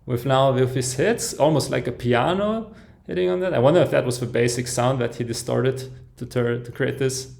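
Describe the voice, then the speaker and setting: With a creaky, medium-pitched voice at a moderate pace, a man hosts a live album reaction. He gushes with gentle "ooh"s and chuckles, often stopping mid-sentence and beginning again while the music plays.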